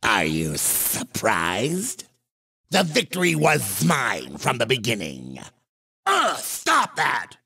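Komodo Joe, gravelly gloating lizard racer. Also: male voice, mid-range voice, huge pitch swings, slow pace, heavily acted. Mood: indignant. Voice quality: gravelly, creaky. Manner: taunting, theatrical, shouty. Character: sly, gloating cartoon komodo dragon kart racer. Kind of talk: exaggerated video game character barks.

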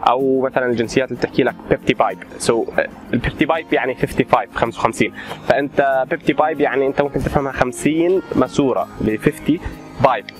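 A man, an architect vlogger, explains casually and drops English terms into his talk with lively everyday examples. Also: mid-range voice, quick pace, soft background music. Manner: mixes English terms into Arabic.

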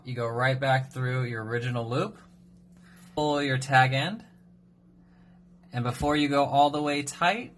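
A man in his thirties giving a brisk, upbeat step-by-step tutorial on fishing knots, recorded on a phone at a kitchen sink. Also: mid-range voice, fairly bright tone, slight background noise. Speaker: fishing knot instructor.

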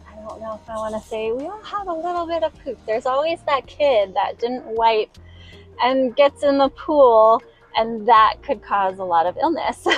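A friendly American woman in her thirties chats about her job, her voice sitting a little high. She talks loosely with fillers and laughs easily. Soft music plays faintly underneath. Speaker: environmental health specialist. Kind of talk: casual on-the-job interview. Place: inside a car and a restaurant kitchen.

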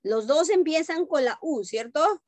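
High-voiced, unhurried teacher talking to kids. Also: female voice, expressive, dry recording. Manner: patient, repetitive, checks understanding with questions; calls children pet names. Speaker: primary school English teacher. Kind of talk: online class explanation to children.

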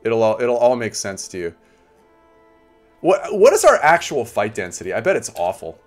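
A man's voice: lowish voice, big pitch swings, normal speed, soft background music. A man streaming a game, chatting casually with viewers, laid-back, swearing and laughing often. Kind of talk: casual live-stream chat.

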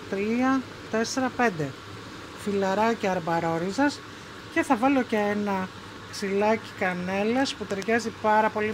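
A woman's voice: medium pitch, background noise. Greek woman explaining a home recipe. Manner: calm step-by-step explaining. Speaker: cooking show host. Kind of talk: home cooking demonstration. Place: home kitchen.

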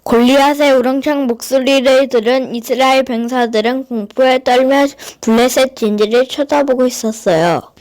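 Woman narrator, children's Bible story: higher-pitched voice, scripted storytelling delivery. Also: steady tone, moderate pace, few pauses, a little mellow.

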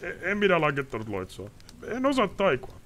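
A man shouting as a raging nobleman, shrill. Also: huge pitch swings, a little hiss or hum. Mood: pleading. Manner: shouting, ranting, pleading. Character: furious panicking male nobleman.

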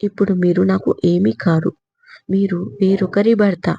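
Woman narrator reading a young woman in tears, husky and dark-toned, storybook style. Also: medium pitch, level tone, normal speed, no room sound, muffled recording. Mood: tearful, hurt. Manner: pleading, tearful. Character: young woman, tearful and hurt. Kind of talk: audiobook character reading.

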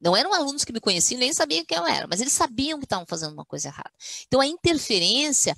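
A woman's voice: high voice, big pitch swings, racing, gravelly, bright, forceful tone, dry recording. A woman academic, telling stories in a webinar chat and acting out quotes in a firm motherly voice. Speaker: guest speaker, university academic. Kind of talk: webinar conversation, storytelling.

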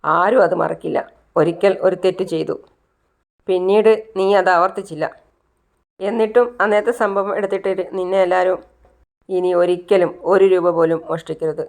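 A woman voicing a kind young woman who gently consoles a crying boy, in a retold serial story. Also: fairly low pitch, steady tone, normal speed, close to an everyday voice. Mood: consoling. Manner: gentle, soothing.

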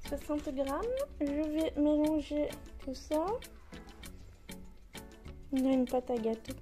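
A woman's voice: high voice, fairly even intonation, slow pace, mellow, soft background music. A woman in her thirties casually talking through a home cooking tutorial in her kitchen, chatty and full of fillers. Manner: chatty, many fillers, laughs at herself. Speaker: home cook vlogger.

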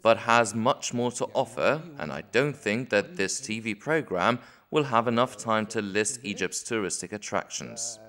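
A man voicing a translated interview in English, speaking in a calm, even delivery. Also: fairly low pitch, normal speed, few pauses. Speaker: voice-over interpreter.

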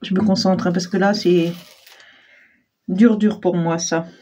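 A woman hosting a casual crafting tutorial, chatty and self-deprecating, full of fillers and clearing her throat often. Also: on the low side, fairly even intonation, unhurried, dark tone, highs cut off. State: frequent throat clearing, frog in throat. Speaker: crafting channel host.

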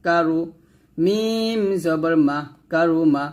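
Here a man with a Bangladeshi accent teaches Quran reading extremely slowly, in a voice on the high side. Letter by letter, he gives each Arabic character with its vowel mark and then blends the syllables into words, in a spelled-out recitation lesson.

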